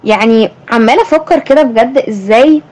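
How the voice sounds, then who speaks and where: Egyptian girl talking fast and high, thinking out loud, asks her guest stuff. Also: low-quality recording. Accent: Egyptian Arabic. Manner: thoughtful, asks questions. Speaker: host. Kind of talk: reflective conversation.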